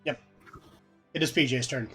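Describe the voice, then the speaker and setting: A man running a tabletop game as dungeon master, calmly explaining rules and calling turns. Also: medium pitch, normal speed, husky, faint music behind. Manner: patient, rule-explaining, easygoing.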